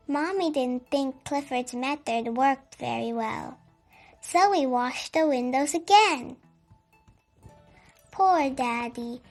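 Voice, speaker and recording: A high-voiced storyteller reads aloud to children in an unhurried, expressive way, with music playing underneath.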